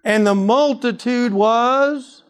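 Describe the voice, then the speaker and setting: A man's voice: very high-pitched, takes it slowly, clear, resonant tone. A male preacher teaching on apologetics, reading scripture aloud and quizzing his listeners with rhetorical questions. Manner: animated, asks rhetorical questions.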